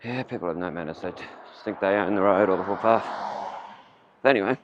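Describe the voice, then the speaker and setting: A man's voice: sits low, fairly quick. A man with an Australian accent, muffled by a face mask, rambling casually as he films a walking vlog outdoors. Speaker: vlogger. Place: outdoors, walking along town streets. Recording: muffled, dull audio with faint outdoor noise. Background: faint outdoor ambience.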